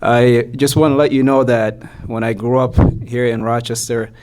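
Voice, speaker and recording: A young man from Somalia, a physician, giving a measured personal talk to an audience with frequent fillers. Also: medium pitch, steady tone, darkish tone, a little hiss or hum. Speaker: guest speaker, physician.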